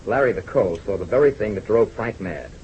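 An actor playing a serious airline owner in a 1940s radio drama, speaking in a low, grave, insistent way, heard as an old radio broadcast. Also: male voice, expressive, fairly quick, a little mellow, dull audio, a little hiss or hum. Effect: old radio broadcast sound.

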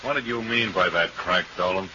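An actor playing a belligerent, jealous husband, mocking and spoiling for a fight, in 1940s radio drama style. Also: male voice, sits low, normal speed, noisy background, natural voice. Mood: angry, threatening. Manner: mocking, aggressive. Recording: muffled old radio recording.

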